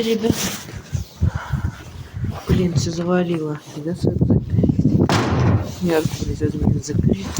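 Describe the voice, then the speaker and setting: A vlogger muttering and exclaiming in short fragments, chatting casually to viewers while filming amid wind noise in an echoey space. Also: medium pitch.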